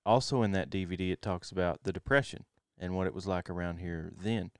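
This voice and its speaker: A man in his forties from Texas co-hosts a relaxed podcast chat in an easygoing, soft-spoken manner. His voice is low and smooth. It sounds dry and close. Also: a little fast, no room sound. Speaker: podcast co-host. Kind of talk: casual chat.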